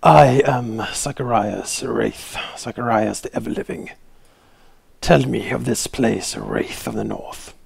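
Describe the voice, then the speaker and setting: A proud, ancient necromancer, played by a man at a gaming table. He declaims in stately, formal phrases at a medium male pitch. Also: moderate pace, crowd noise, natural voice. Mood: imperious.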